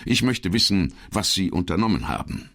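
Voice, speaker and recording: A man's voice: low-pitched, big pitch swings, normal speed, fairly bright tone, voice pushed up, exaggerated voice. A man voicing a curt, stern middle-aged male police chief who growls his orders.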